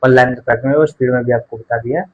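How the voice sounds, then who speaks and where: A man's voice: mid-range voice, steady tone, racing, lo-fi sound. A male teacher giving a live online grammar class, asking questions and answering them himself while addressing his pupils fondly.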